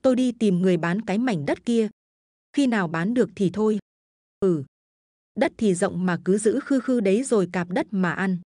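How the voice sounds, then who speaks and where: A woman's voice: medium pitch, normal speed, warm tone, no echo, clean studio sound, lightly acted. A woman voicing a crude, greedy middle-aged village man, sneering and mocking.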